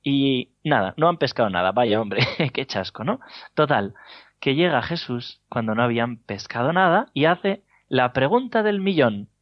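A Spanish priest delivers a homily in a light, humorous storytelling manner with a Spain accent. His voice sits at a middle pitch. The recording is dull and lo-fi, with a dry, close sound. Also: sing-song, moderate pace, no room sound. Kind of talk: sermon.

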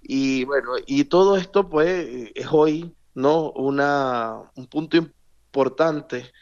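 Earnest Venezuelan priest. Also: male voice, medium pitch, slow pace, highs cut off. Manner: earnest, repeats words for emphasis. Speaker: parish priest, guest. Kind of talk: remote radio interview.

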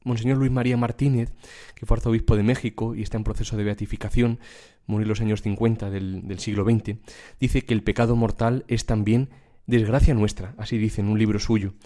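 A man's voice: on the low side, fairly even intonation, a little fast, mellow. A man preaching a devotional sermon and reading a spiritual text aloud, in an earnest, emphatic cadence.

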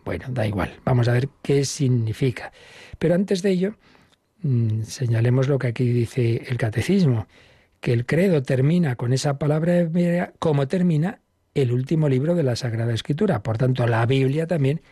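Give me a priest teaching calmly with a slightly husky, dry voice. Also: male voice, medium pitch, no room sound. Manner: unhurried, repeats key phrases, warm emphasis. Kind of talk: catechism teaching talk.

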